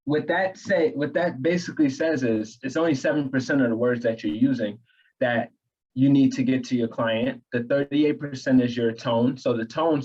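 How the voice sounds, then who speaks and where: A man's voice: medium pitch, a little mellow, breathy edge, lo-fi sound. A man from New York co-hosting a casual real estate training chat, explaining tips in an earnest coaching way. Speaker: real estate agent co-host.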